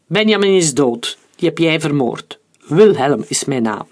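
A storyteller voicing a calm, mocking male villain in an audiobook, cool and sneering. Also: medium pitch, measured pace. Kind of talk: audiobook reading.

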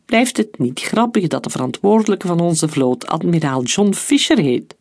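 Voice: medium pitch, very animated, normal speed, darkish tone, no echo, clean studio sound. A narrator voicing an admiring young male welder, in a read-aloud story. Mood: cheerful. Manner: enthusiastic.

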